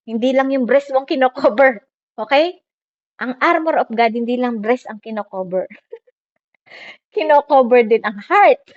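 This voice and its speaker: A woman preacher with a fairly high voice delivers a lively, chatty sermon and keeps checking in with the congregation. The recording sounds dull and lo-fi. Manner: lively, peppers talk with tag questions. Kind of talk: conversational sermon.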